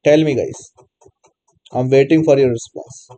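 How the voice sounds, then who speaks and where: A man's voice: medium pitch, fairly even intonation, measured pace, mellow, poor audio. A man teaching a live online coding class, repeatedly asking students to answer. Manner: prompts students repeatedly, non-native English phrasing. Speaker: programming teacher.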